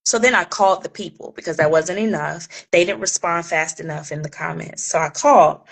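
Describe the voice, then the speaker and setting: A woman's voice: lowish voice, a little fast, vocal fry, poor audio. A woman vlogger speaking straight to her viewers in an impassioned, emphatic way, repeating phrases for effect. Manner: talks straight to viewers, calling them "y'all". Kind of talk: direct-to-camera commentary.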